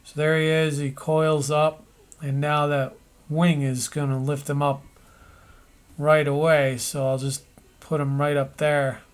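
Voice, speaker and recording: A man narrating an animation tutorial, thinking aloud as he works, with pauses and restarts. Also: a little high, level tone, smooth.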